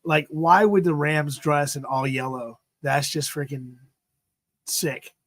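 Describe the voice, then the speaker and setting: A man in his fifties rambles through a casual sports chat, circling back and leaving sentences unfinished. His voice sits a little high for a man and comes across dry and close, with no room sound around it. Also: steady tone, slow, a bit bright, dry recording. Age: 50s. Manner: rambling, repeats "freaking", trails off mid-sentence. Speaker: livestream host.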